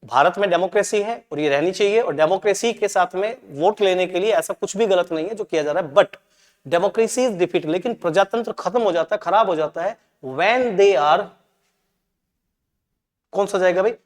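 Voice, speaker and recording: Speaking at a normal speed in a high voice, a male English teacher works through exam-prep answers, alternating Hindi explanations with English lines he reads out. He frequently asks "ठीक है?", and the audio has a big-room quality.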